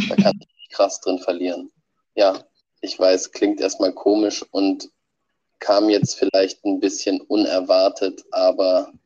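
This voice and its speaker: A man with a cold and a nasal voice, heard as a low-quality audio file played back on a podcast, delivering a prepared message. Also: warm tone. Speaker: podcast regular sending a birthday message. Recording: dull lo-fi playback.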